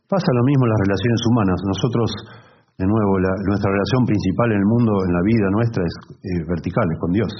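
A man's voice: fairly low pitch, quick pace, lo-fi sound, slight background noise. A man preaching a sermon with an Argentine accent, earnestly teaching and often checking in with his listeners. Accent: Argentine Spanish. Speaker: pastor and marriage counselor.

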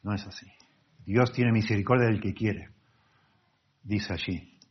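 A male pastor preaching a sermon earnestly, repeating key words, in a husky voice on a slightly muffled recording. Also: on the low side, measured pace.

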